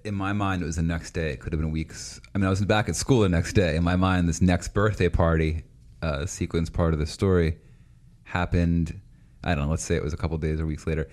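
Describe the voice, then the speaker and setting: A man telling childhood stories in a casual chat, lively and laughing often, acting out quoted voices. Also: low-pitched, fairly quick.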